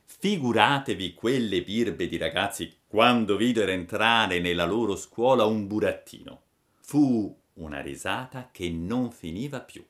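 A man narrating a classic storybook in an expressive reading voice. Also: fairly low pitch, a little slow.

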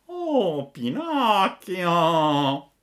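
A man voicing an old, ruined female fox who begs in a whining, drawn-out voice, in a storybook reading. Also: high voice, huge pitch swings, fairly bright tone, pitched above the performer's own voice, exaggerated voice.

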